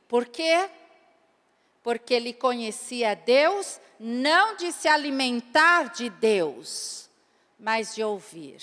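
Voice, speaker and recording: A woman's voice: high-pitched, fairly bright tone. A Brazilian woman preacher delivering an emphatic sermon, addressing her listeners directly. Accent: Brazilian Portuguese. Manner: emphatic, addresses audience as "querida". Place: church hall. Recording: reverberant church hall.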